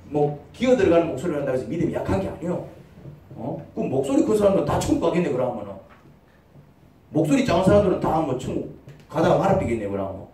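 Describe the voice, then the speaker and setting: With a slightly high, mellow voice, a pastor gives a sermon in a church sanctuary, acting out short quoted voices and posing rapid rhetorical questions. The echoey hall puts him far from the mic, and there is slight background noise.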